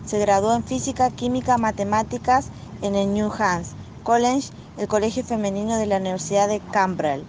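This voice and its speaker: A woman's voice: medium pitch, moderate pace, few pauses, background noise. A young woman, a student, reading her part of a school presentation.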